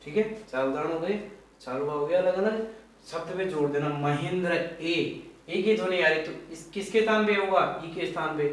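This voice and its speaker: A man's voice: on the high side, normal speed. A male teacher giving a grammar lesson, repeating points and quizzing the class with questions. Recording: echoey room, mic far off.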